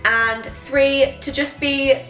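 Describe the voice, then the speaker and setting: A woman's voice: high-pitched, fairly even intonation, takes it slowly, bright, forceful tone. Giggly, tipsy young British woman, roomy sound. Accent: British English. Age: 20s. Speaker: vlogger answering viewer questions. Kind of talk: casual chatty Q&A to camera. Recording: roomy echo, music behind.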